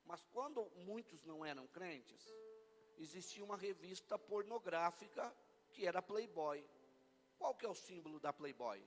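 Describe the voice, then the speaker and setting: A Brazilian Portuguese-accented male pastor preaching a lively sermon, teasing and bantering with the congregation as he goes. His voice sits high for a man and rings out with a long reverb through the church hall. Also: normal speed, soft background music.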